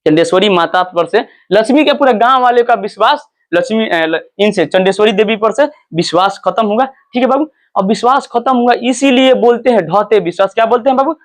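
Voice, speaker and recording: A man with a notably high voice tells a story as a lesson. He talks in an animated way, stops often to quiz his students and acts out the characters' cries as he goes. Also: fairly quick, hardly any pauses. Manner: animated, keeps checking understanding with repeated questions. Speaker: teacher.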